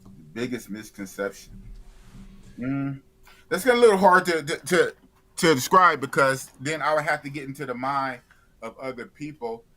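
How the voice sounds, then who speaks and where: A man's voice: medium pitch, lively intonation, normal speed, bright, forceful tone. A man of fifty, a YouTuber guest in a casual live interview, blunt and opinionated, often repeating himself. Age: 50s.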